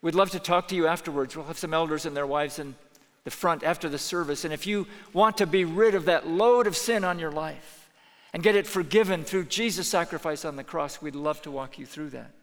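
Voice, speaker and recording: A man preaching a sermon as pastor, earnest, moving between hushed pleading and raised intensity. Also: a little high, brisk, few pauses, big-room sound. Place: church sanctuary.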